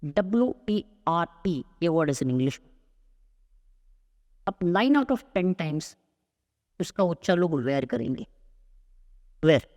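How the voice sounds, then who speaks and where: A man's voice: on the high side, animated, slow, pauses often, a little mellow, big-room sound, lo-fi sound. A man from Maharashtra, a spoken English coach, answering podcast questions in an emphatic, persuasive way. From Maharashtra, India. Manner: emphatic, mixes Hindi and English.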